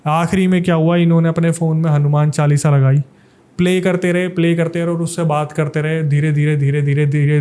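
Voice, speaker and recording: A man's voice: fairly high pitch, mellow, clear, resonant tone. A young man from Delhi, a paranormal investigator, telling a suspenseful ghost story in a casual podcast interview.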